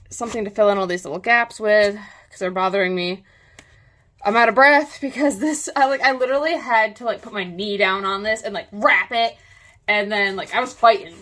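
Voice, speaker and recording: A woman's voice: mid-range voice, fairly bright tone. A woman talking casually while she makes a craft prop, rambling and correcting herself with lots of fillers. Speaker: prop maker. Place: home workspace, indoors.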